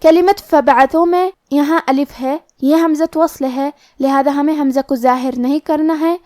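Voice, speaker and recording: High-voiced woman teaching Quran recitation. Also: fairly even intonation, dark tone, dry recording, studio quality. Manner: explains rules step by step, then recites words slowly and drawn out. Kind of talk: scripted tajweed lesson.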